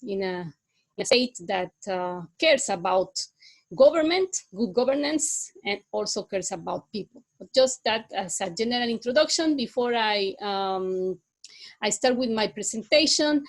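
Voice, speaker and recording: A middle-aged woman from Guatemala City, a native Spanish speaker with a Guatemalan accent, giving an online guest lecture in a halting way with many "uh"s. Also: mid-range voice, low-quality recording. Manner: halting, many filler sounds.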